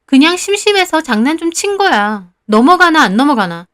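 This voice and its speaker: A woman's voice: high voice, very animated, moderate pace, a bit bright, voice pushed up. A woman voicing a spiteful, defensive divorced woman who snaps back shrilly and indignantly. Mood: dismissive.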